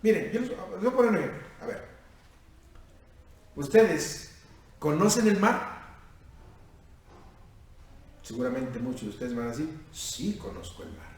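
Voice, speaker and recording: A man's voice: a little high, lively intonation, a little slow, pauses often. A Mexican priest in his fifties with a Mexican accent, preaching a sermon at a youth retreat, questioning his listeners and calling them "mijo". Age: 50s. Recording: echoey room from far off, faint noise.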